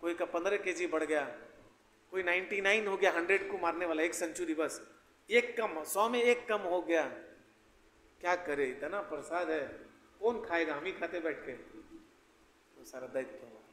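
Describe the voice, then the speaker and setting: High-voiced man preaching in an echoey hall. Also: normal speed, long pauses, a bit bright. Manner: conversational, anecdotal, wry. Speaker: preacher giving scripture class. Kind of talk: devotional lecture. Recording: echoey hall with faint ambience.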